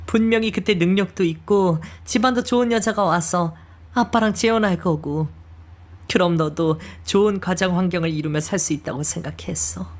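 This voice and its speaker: A woman's voice: fairly low pitch, normal speed, natural voice. A woman voicing a remorseful middle-aged mother who pleads and sighs through her tears in an audio drama reading. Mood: sorrowful explaining. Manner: emotional, pleading, sighing.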